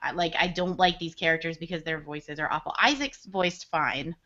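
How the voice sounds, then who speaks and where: A woman's voice: low-pitched, steady tone, moderate pace, pushed and bright, lo-fi sound. A woman co-hosting a casual book club podcast, blunt and opinionated, swearing casually. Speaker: podcast co-host leading the book discussion.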